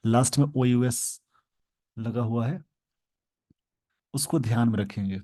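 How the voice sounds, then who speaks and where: A man with an Indian accent teaching English in Hindi, explaining an editorial word by word and slowing down to read the English phrases. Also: medium pitch, mellow, no echo. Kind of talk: Hindi-language English lesson reading an editorial.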